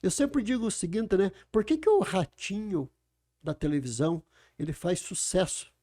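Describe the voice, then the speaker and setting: A man speaks on a podcast. His voice is gravelly, mellow and a little high. He teaches in an emphatic way and asks the listener rhetorical questions. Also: expressive, normal speed. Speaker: communication speaker. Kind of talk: conversational explaining. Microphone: podcast microphone.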